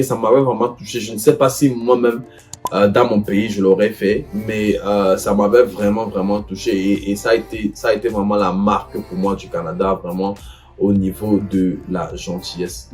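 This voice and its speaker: A man's voice: lowish voice, darkish tone. A young man giving casual advice to students, talking hesitantly with many fillers and restarts.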